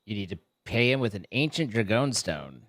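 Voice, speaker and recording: A man's voice: on the low side, very animated, moderate pace, fairly bright tone, no room sound, clean studio sound. A man chatting casually as a co-player during a video game. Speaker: gaming co-player. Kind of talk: casual chat while gaming.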